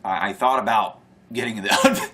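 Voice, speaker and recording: A man's voice: on the low side, huge pitch swings, moderate pace, pushed and bright. A young man talking to camera in a rambling, sardonic monologue, sighing often and trailing off mid-thought. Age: young adult. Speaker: vlogger.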